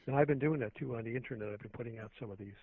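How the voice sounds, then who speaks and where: A man's voice: mid-range voice, rapid-fire, no room sound. A man calling in as a radio show guest, rambling on and on with plenty of fillers and restarts. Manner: meandering, with many fillers and restarts. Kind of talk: rambling phone-in conversation. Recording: tinny phone line.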